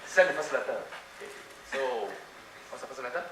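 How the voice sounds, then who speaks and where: A man with a medium-pitched, brisk voice gives a playful, interactive conference talk built around a mind-reading trick, coaxing the audience and repeating his phrases. The roomy hall is picked up by a distant mic, with background noise, audience laughter and room ambience.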